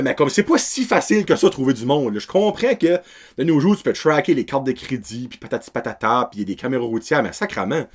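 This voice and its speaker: A man's voice: on the high side, a little mellow. A young man with a Québécois French accent, hosting a casual film review podcast in a rambling way, dropping English words and slang as he goes. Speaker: podcast host.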